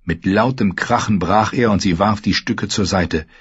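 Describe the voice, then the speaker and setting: A man narrating a story in a calm, measured storytelling manner. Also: fairly low pitch, breathy edge, no room sound. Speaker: audiobook narrator. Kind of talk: scripted narration. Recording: dull lo-fi recording.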